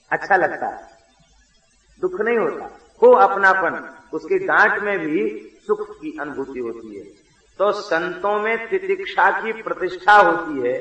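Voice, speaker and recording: Bright-voiced man giving devotional sermon. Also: high voice, reverberant, lo-fi sound. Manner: measured storytelling with sung verse. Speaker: preacher.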